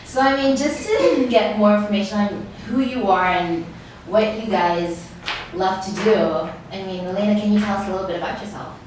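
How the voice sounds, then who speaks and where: Hosting a casual sit-down interview, a woman speaks in an effusive, complimentary way, her mid-range voice a little mellow and moderately paced. The recording comes from a distant mic in an echoey room with faint noise.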